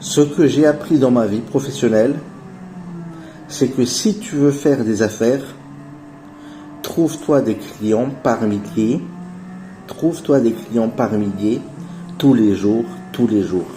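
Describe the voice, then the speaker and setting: A man in his forties giving an earnest, persuasive investment pitch as voice-over narration, addressing his viewers as family. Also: slow, long pauses, mellow, faint music behind. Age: 40s. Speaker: channel host pitching an investment project.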